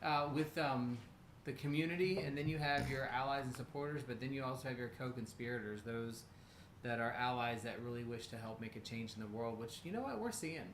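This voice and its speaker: A man's voice: mid-range voice, brisk, a bit bright. American man chatting in an echoey room. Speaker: co-host. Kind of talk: casual livestream chat. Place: indoor room. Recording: roomy echo, faint background noise.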